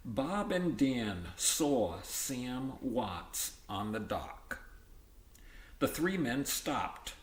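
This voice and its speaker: In an echoey room, a man with a medium-pitched voice reads a textbook aloud, very animated and drawing out his words. He explains like a teacher, interrupts himself with informal asides and his own commentary, and checks in with "okay" and "all right."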